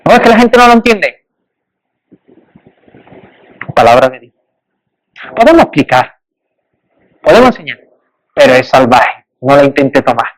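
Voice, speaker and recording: High-voiced man preaching emphatically. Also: lively intonation, normal speed, long pauses, low-quality recording. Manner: emphatic, rising on repeated rhetorical lists. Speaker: pastor. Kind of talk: sermon.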